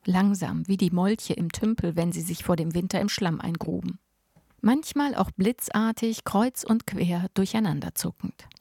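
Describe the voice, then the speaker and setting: Woman, audiobook narration, lively reading, dry close mic. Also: on the low side, normal speed, vocal fry, husky, no echo. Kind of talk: scripted first-person narration.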